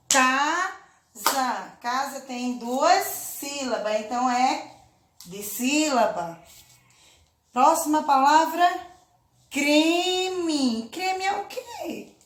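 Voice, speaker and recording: A woman teaching a children's lesson, speaking slowly and patiently, drawing out words and often checking in with her listeners. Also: sits high, a bit bright, echoey room. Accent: Brazilian Portuguese. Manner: slow, patient, drawn-out syllables with check-in questions. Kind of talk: children's lesson, clapping out syllables.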